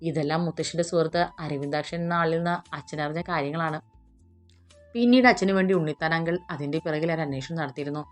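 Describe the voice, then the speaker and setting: Brief: woman doing a patient young man, soft and earnest, lowish voice, storybook. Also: fairly quick, soft background music, natural voice. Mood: earnest calm. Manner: calm, earnest, soothing.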